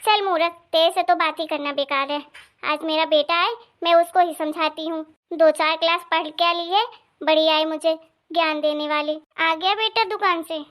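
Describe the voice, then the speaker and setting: A woman voicing a shrill, scornful grandmother. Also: steady tone, moderate pace. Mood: scolding. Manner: scornful, nagging, sharp-tongued. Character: scolding grandmother who favors her grandson. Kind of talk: animated cartoon voice acting.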